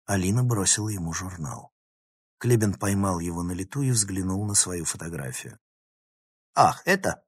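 A man's voice: sits low, moderate pace, husky, no room sound, studio quality. A man reading a dramatic story aloud as narrator. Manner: dramatic reading, animated phrasing. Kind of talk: audiobook narration.

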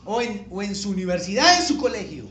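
A Colombian man preaches in a high, ringing voice that bounces around a reverberant church room. He talks to the congregation in a folksy, joking way, then climbs to emphatic peaks, with a faint hiss under the sound. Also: very animated, brisk, a bit bright. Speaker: pastor. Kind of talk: conversational sermon. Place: church sanctuary.

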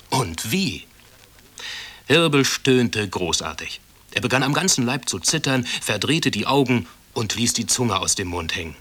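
A man reads a children's story aloud for school radio, calm and measured. His voice sits low but sounds bright and forward. There is a slightly husky edge to it. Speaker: reader.

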